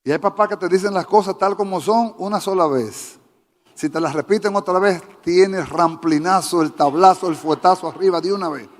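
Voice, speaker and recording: A man's voice: high-pitched, moderate pace. A male pastor preaching a sermon, fervent and often questioning the congregation directly. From Dominican Republic. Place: church sanctuary. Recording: church hall with long reverb.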